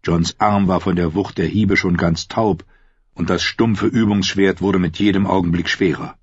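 Man, audiobook narration, steady measured pace, husky, slightly dull lo-fi recording. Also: low voice, no echo.

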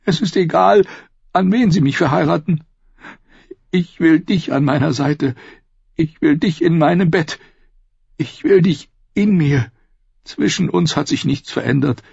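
In an audiobook reading, a man raises his voice to play a proud, desperate adult queen, first pleading, then turning scornful and biting. His delivery is on the high side at a moderate pace, creaky, a little mellow and slightly rough, pushed up in pitch. The recording is dull, lo-fi and dry with no echo.

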